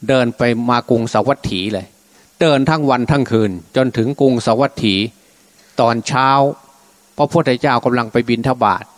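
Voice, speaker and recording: A man's voice: mid-range voice, moderate pace. Man, a monk telling a sermon story. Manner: colloquial, acts out dialogue in his own voice. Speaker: Buddhist monk giving a Dhamma talk.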